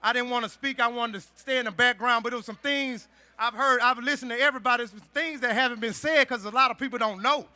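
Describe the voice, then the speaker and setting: A man's voice: very high-pitched, fast talker, few pauses, sharp tone. A middle-aged man giving emphatic personal testimony in a rally speech, like a preacher. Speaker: activist and motivational speaker.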